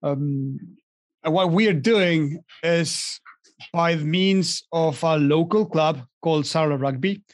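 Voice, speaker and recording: Young Argentine-born man, halting speech. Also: fairly high pitch, no room sound, studio quality. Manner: halting, many restarts and fillers. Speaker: guest. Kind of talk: casual interview over a call.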